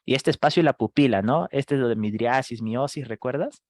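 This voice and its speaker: A man teaching a live online medical class, firing quick questions at students and acting out screaming patients. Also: medium pitch, darkish tone. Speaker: medical lecturer.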